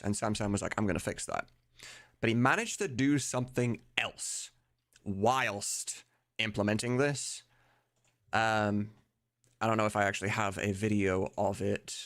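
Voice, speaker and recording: This streamer and voice mod creator has a fairly low, fairly bright voice. He talks loosely on his live stream, cursing and musing aloud while game music plays behind him.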